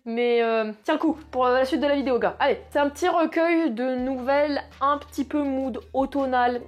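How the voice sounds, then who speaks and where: Young woman in her 20s rambling about her reads, bit high voice, slangy and jokey. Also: darkish tone. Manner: chatty, slangy, self-mocking asides. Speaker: book vlogger. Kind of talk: casual book review vlog.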